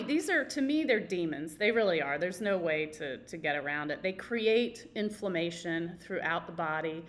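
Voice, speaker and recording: A woman's voice: mid-range voice, a bit bright. A woman hosting a solo health podcast, talking in an emphatic, indignant way with big swings in emphasis. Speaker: podcast host.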